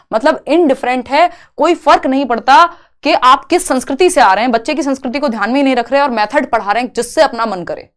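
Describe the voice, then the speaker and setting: A woman teaching an exam-prep lesson in a chatty, reassuring way, mixing into her talk. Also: sits high. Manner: chatty, reassuring, mixes Hindi with English terms. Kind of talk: online exam coaching lesson.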